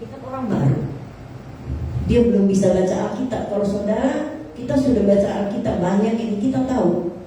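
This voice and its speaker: Lady preacher chatting a story to the church, mellow low tone, far off mic. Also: brisk, very echoey, a little hiss or hum. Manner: conversational, addresses the congregation directly. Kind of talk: storytelling sermon. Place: church service.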